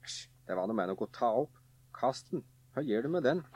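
A man's voice: medium pitch, animated, a little mellow, lightly acted. A man voicing two scornful older brothers in a folk tale who scoff at their younger brother. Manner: dismissive, scoffing.

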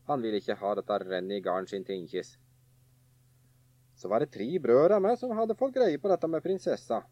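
Male storyteller, animated, husky, dry dull recording. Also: on the high side, dry recording. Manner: lively, animated telling. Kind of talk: folk tale narration.

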